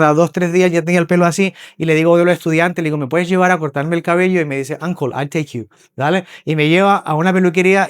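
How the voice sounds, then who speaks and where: A man from Spain preaching a sermon, telling lively stories, acting out voices and often checking in with his listeners. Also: high voice, clear, resonant tone, no room sound, studio quality. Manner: animated storyteller, acts out voices, checks in with listeners. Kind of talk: sermon with storytelling. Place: church hall.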